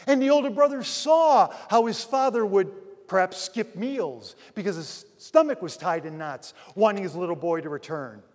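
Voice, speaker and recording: A pastor preaches with a high voice that rings out in a large hall with a long reverb. He swings from ringing emphasis to almost hushed asides, addressing the congregation as dear friends. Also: lively intonation, normal speed. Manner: dramatic swings between loud emphasis and near-hushed asides. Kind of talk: sermon.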